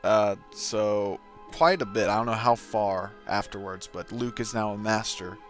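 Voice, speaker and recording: Male let's play host, lowish voice, rambling and hesitant gameplay chat. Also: measured pace, faint music behind. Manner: rambling, hesitant, many restarts. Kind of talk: casual gameplay commentary.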